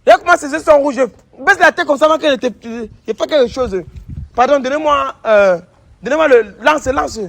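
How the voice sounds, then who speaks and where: A man's voice: extremely high pitch, moderate pace, vocal fry, fairly bright tone, a little hiss or hum. A man playing a traditional healer who scolds and accuses, repeating his lines over and over. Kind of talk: staged confrontation sketch.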